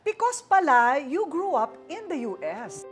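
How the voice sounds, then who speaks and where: Animated woman host, bright higher voice with faint background music. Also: unhurried. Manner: warm teasing interviewer, laughs often. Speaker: talk show host. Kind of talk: casual Taglish interview.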